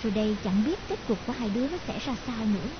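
A woman's voice: on the high side, lively intonation, very fast, dull audio, a crowd in the background, lightly acted. A woman playing a fretful chatty young woman. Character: worried young woman confiding in a friend.

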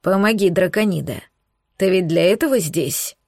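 A woman voicing an ancient magic throne that speaks in a low rumble or a hushed whisper, part mocking and part begging. the close, dry recording comes from an audiobook fantasy scene. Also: moderate pace, gravelly, dry recording. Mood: pleading whisper. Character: ancient talking throne artifact, mocking yet pleading.

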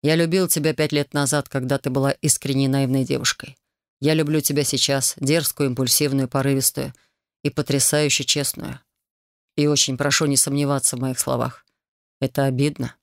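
A woman doing a calm, teasing male dragon. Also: very deep voice, moderate pace, no echo, studio quality. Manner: calm, teasing, soft and coaxing. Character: calm, self-assured male dragon in human form. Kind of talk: audiobook character voice.

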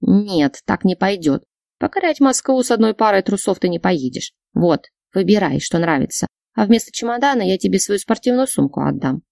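A woman voicing a blunt, energetic young female friend who talks brashly. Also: mid-range voice, normal speed, vocal fry, no room sound, clean studio sound.

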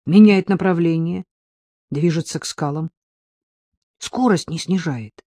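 The audiobook narrator voicing Artyom, an anxious young man keeping watch, hushed and strained. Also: mid-range voice, measured pace, dry recording, clean studio sound. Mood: tense.

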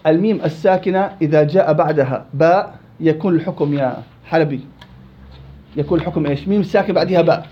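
A high-voiced man runs a Quran recitation lesson at a fast clip, calling on his students by name. He moves quickly from question to question. The recording is dull and lo-fi. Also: slight background noise. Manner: lively, quizzing students by name. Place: indoor study circle.

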